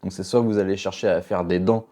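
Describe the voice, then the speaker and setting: A man with a fairly low, mellow voice gives casual reaction commentary as a knife sharpener. He is blunt and exasperated, swearing and breaking into laughter often. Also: steady tone, fairly quick.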